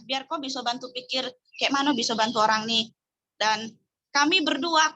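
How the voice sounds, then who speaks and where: A middle-aged woman speaks in a high, bright voice. She tells a personal faith story in a chatty, candid, emotional way over a video call. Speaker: community member sharing testimony. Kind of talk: casual testimony.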